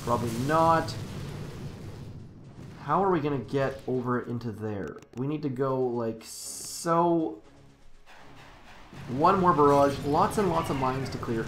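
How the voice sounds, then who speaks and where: A man's voice: medium pitch, slow pace, pauses often. A man live-streaming a strategy game, giving casual, upbeat, rambling commentary, correcting himself and cheering on his troops aloud.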